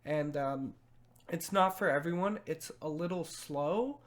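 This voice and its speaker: A young man giving a casual spoken film review, hesitant, with lots of pauses and restarts. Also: a little high. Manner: hesitant, many fillers and restarts.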